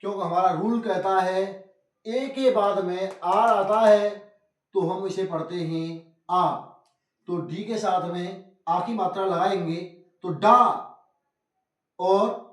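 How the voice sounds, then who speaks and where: A man teaching phonics, spelling out letters one by one and calling his viewers friends. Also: high-pitched. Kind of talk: phonics lesson. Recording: echoey room, voice from a distance.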